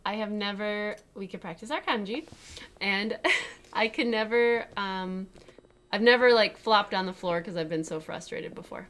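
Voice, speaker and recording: Woman co-host chatting games, normal pitch, short easy replies. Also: moderate pace, fairly bright tone. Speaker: co-player and co-host. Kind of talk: casual chat, game review.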